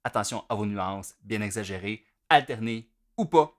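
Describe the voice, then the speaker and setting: Man teaching drums, low voice. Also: normal speed. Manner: relaxed, conversational, with many fillers. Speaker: drum teacher. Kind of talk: casual spoken instruction. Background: drum playing.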